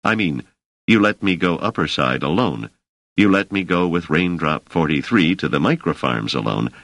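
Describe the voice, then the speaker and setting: A man's voice: low-pitched, lively intonation, gravelly, fairly bright tone, no room sound, heavily acted. A man reading a mild, curious scholar. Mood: measured. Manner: measured, mildly wry. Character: curious middle-aged male scholar, mild, polite.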